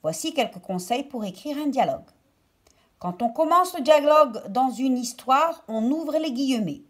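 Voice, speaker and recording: A woman's voice: sits high, lively intonation, moderate pace. A woman primary school teacher giving a recorded lesson to children, explaining step by step and phrase by phrase as if dictating, with stress on key words. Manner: didactic, phrase-by-phrase delivery as if dictating.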